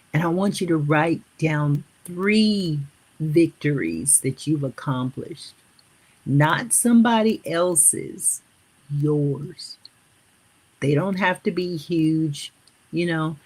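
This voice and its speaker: A woman's voice: low voice, a little mellow, breathy edge. A woman in her fifties or older hosting a live motivational stream. She addresses viewers as family and leads them through repeated affirmations. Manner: slow, repetitive affirmation-leading. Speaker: motivational host.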